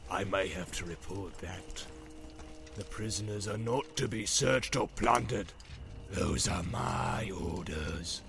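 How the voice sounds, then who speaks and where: A man voicing a sly, evil orc messenger who talks softly in a sneering whisper. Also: sits low, takes it slowly, gravelly, music in the background, full character voice.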